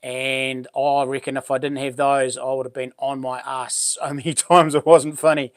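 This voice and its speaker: A man's voice: medium pitch, level tone, normal speed, dry recording, studio quality. A man with a broad New Zealand accent chatting casually and informally as a livestream host, full of matey slang. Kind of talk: casual live chat with viewers.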